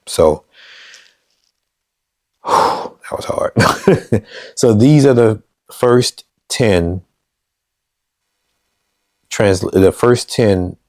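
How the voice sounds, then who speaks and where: Deep gravelly man, slow and hesitant. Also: darkish tone, dry recording, clean studio sound. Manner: hesitant, self-correcting beginner reading phrases aloud. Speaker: language learner vlogger. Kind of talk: casual self-recorded practice. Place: at home on a couch.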